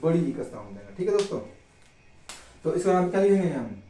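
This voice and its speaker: A man's voice: on the high side, sing-song, a little fast, warm tone, echoey room, far from the mic, poor audio. A man teaching a grammar lesson, asking questions and answering them himself and checking in often with his students.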